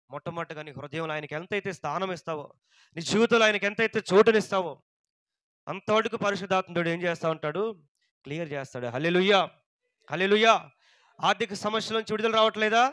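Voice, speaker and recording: A man from India preaching a sermon, asking rhetorical questions and answering them himself, repeating phrases and crying hallelujah, swinging between loud fervent stretches and soft low passages. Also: dry recording. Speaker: pastor.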